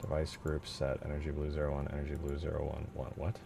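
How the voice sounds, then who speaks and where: A streamer and game modder thinks aloud while scripting a mod at his computer, giving casual, informal live commentary and often muttering to himself. His voice is very deep, creaky and monotone, and he talks quickly over some background noise.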